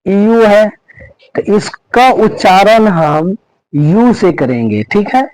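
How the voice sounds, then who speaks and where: Slow-explaining male teacher, higher voice. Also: expressive, a little mellow, dry recording, poor audio. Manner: repetitive, checks in constantly with "okay"; spells out letters and sounds step by step. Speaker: English pronunciation teacher. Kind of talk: classroom-style lesson explanation.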